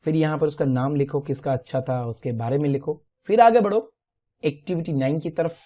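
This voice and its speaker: A male teacher explaining a textbook lesson to children, reading English lines slowly and then explaining them in Hindi with lively exclamations. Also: fairly high pitch.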